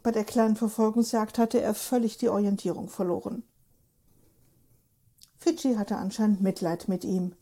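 A woman narrating a story aloud in a lively, expressive reading. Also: mid-range voice, moderate pace, long pauses. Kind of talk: audiobook narration.

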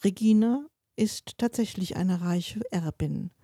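A woman reading a dark short story aloud as its narrator, with expressive delivery that shifts pace with the tension. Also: lowish voice, slow pace, husky, no echo, clean studio sound.

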